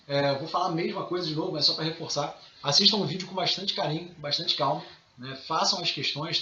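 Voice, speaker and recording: A man's voice: on the high side, sharp tone. A man with a Brazilian accent teaching a recorded math lesson, casual and chatty, calling his students dear. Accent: Brazilian Portuguese. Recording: distant, roomy, dull recording with faint noise.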